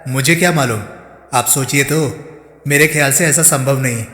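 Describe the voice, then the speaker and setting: A guarded young woman suspect, voiced by a man, protesting her innocence. The voice is bright and sits in an echoing room. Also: medium pitch, normal speed, lightly acted. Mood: defensive.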